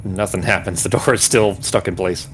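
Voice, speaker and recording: Male game master, low voice, loose rambling narration. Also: moderate pace, over music. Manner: rambling, searching for words, many restarts.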